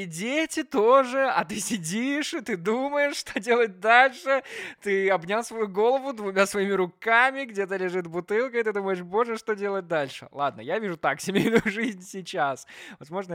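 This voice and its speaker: A man in his twenties hosting a podcast in a casual, theatrical way, swinging between loud outbursts and quiet asides. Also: high-pitched, vocal fry, no echo, studio quality. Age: 20s. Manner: animated, theatrical, jumps between loud and hushed. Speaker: podcast host.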